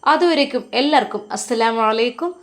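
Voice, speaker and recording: A woman's voice: fairly high pitch, expressive, a little fast, a bit bright. A woman narrating a dramatic story with emphatic, rising exclamations.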